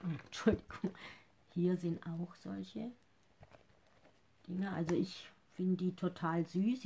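With a dark, lowish voice, a fifty-something woman hosts a casual makeup livestream from her living room, where she also sells the products. She's chatty and a little anxious, her sentences often dissolving into mumbles. The desk-distance webcam audio carries a bit of background noise.

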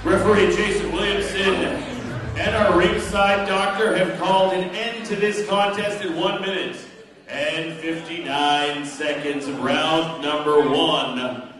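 A man's voice: high voice, fairly even intonation, a little slow, over music. A middle-aged man announcing a fight as a boxing ring announcer, projecting like a showman and drawing out the names in formal introductions. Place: indoor fight venue with ring. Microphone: handheld PA microphone, recorded from the audience. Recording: echoey noisy hall, far from mic.

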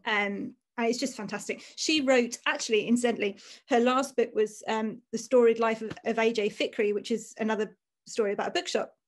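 A woman's voice: fairly high pitch, steady tone, brisk. A woman in her forties, an author, chatting casually and self-deprecatingly on a video call from a room at home.

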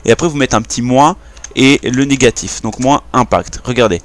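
A young man, a gaming YouTuber, casually walks through a game tutorial in a mid-range voice at a slightly fast pace. He often hesitates and starts his sentences over.

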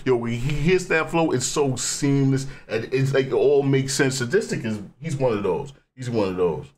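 A man hosting a music reaction channel who talks casually, rambling and animated, often dropping the word "man". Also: medium pitch, normal speed, noisy background.

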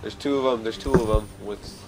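Excitable, jokey male gamer. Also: fairly low pitch, fairly quick, music in the background. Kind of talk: casual gaming chat.

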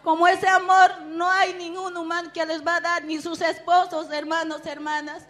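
A woman's voice: very high voice, flat delivery, moderate pace, a bit bright. A woman earnestly urging a congregation to follow the Lord. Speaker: church member. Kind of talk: exhortation to the congregation.

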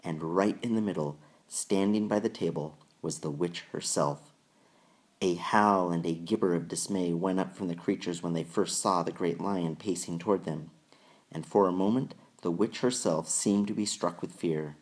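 A man reading a children's novel aloud in measured, deliberate storytelling narration. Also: deep voice. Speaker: audiobook reader. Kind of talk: scripted narration.

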